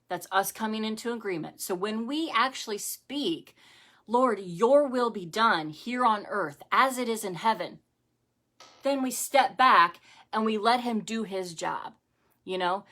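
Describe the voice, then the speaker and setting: A woman's voice: medium pitch, a bit bright. A middle-aged woman hosting a live-streamed devotional talk from home, speaking conversationally with many fillers and repeated phrases. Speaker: ministry host.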